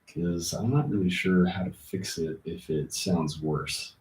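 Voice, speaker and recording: A man hosting a casual livestream, answering chat comments informally and thinking aloud in a halting way. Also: deep voice, darkish tone. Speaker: livestream host. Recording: roomy, muffled, distant laptop-like mic.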